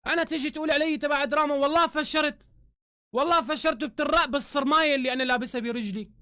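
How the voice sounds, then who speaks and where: A Syrian man with a Syrian Arabic accent, ranting heatedly on a live stream, swearing oaths and shouting in bursts. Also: extremely high pitch, no room sound, studio quality. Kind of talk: angry live-stream rant. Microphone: phone camera.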